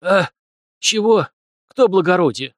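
Man voicing a fat merchant, shrill, squealing, wailing, indignant. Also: lively intonation, measured pace, fairly bright tone, no echo, clean studio sound. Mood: dazed. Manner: wailing, self-righteous outrage. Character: fat shrieking male merchant, indignant and loud.

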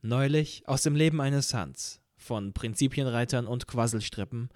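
A man's voice: mid-range voice, normal speed, a little mellow, dry recording, clean studio sound. Man reading a story expressively. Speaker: reader. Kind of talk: scripted narration.

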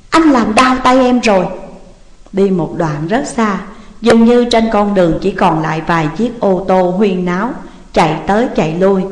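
Woman narrating a storybook in echoey room. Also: mid-range voice. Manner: steady, measured storytelling. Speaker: audiobook narrator. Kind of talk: scripted audiobook narration. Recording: roomy with long reverb.

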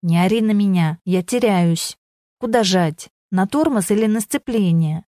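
Woman voicing flustered learner driver woman, panicky, defensive, mellow voice, dry reading. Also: medium pitch, animated, normal speed, no echo, natural voice.

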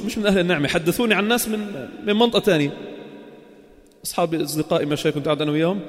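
Impassioned preacher in echoing hall. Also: male voice, high voice. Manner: impassioned, rising to cries in supplications. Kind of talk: Ramadan sermon.

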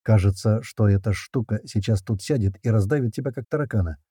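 A man reading an action story aloud in the first person, with brisk, slangy narration and shouted lines for the characters. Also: lowish voice, slightly rough, no room sound, studio quality. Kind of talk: audiobook narration with character voices.

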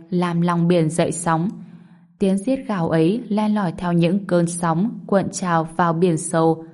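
A woman reading a martial arts novel aloud as a narrator, in steady scripted narration. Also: fairly low pitch. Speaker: audiobook narrator.

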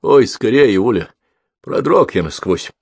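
A man's voice: mid-range voice, animated, unhurried, a little mellow, husky, dry recording, studio quality. A man doing a weak, chilled learned man. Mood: strained. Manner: strained, pleading.

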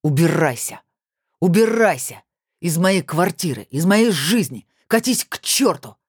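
A woman's voice: on the low side, expressive, unhurried, husky, no echo, clean studio sound. A woman doing a cold, contemptuous young man. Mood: furious. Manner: curt, contemptuous, barking. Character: cold, furious young man, harsh and cutting.

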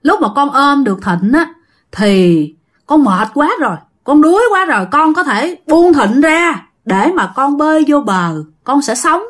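Woman doing a drowned young male ghost, remorseful, pleading, high voice. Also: sing-song, a little slow. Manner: pleading, apologetic.

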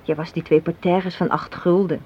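Lightly acted, with a lowish, steady voice at normal speed, a young actress plays a bitter, insistent cynic in a Dutch radio play. She argues and lectures using rhetorical questions. The old radio recording sounds dull and noisy.

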